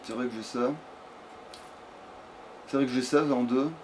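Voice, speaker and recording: With a medium-pitched voice and a measured pace, this gamer gives casual let's play commentary, muttering to himself with hesitation and occasionally cursing. The recording carries steady background noise.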